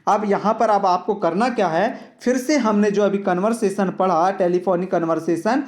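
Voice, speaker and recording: A man, teaching an English lesson to children and explaining each line patiently. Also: high voice. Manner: slow, patient, addresses children directly. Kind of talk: reading an English worksheet aloud and explaining it in Hindi.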